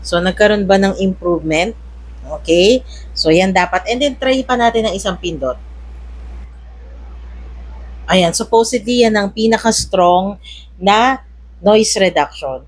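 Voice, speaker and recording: Her mid-range voice is husky and unhurried, with frequent pauses and a dry recording quality. She's a Filipino-accented product reviewer chatting casually through a gadget demonstration while mixing two languages, in a noisy room with the steady hum of an air conditioner or fan.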